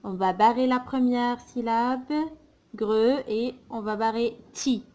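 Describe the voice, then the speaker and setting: A woman teaching a children's phonics lesson, slowly and patiently spelling out sounds and syllables. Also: fairly high pitch, steady tone, mellow.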